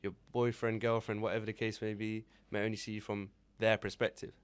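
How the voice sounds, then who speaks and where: His voice is lowish, clear and resonant, with a level tone, fairly quick delivery, and no echo. The man, in his twenties and co-hosting a podcast, shares earnest, reflective advice casually, dropping in fillers like "you know."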